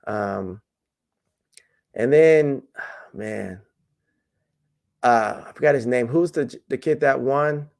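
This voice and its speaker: A man's voice: mid-range voice, creaky. A man, a track and field jumps coach, talking loosely in a podcast interview with many fillers and restarts. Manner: relaxed, rambling with fillers and restarts.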